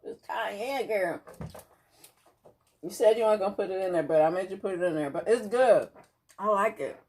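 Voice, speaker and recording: A woman's voice: mid-range voice, normal speed. A woman co-hosting a seafood eating video, chatting playfully and casually with her partner while she eats. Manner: lively and playful, laughs easily. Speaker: mukbang co-host. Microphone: close mic for eating sounds.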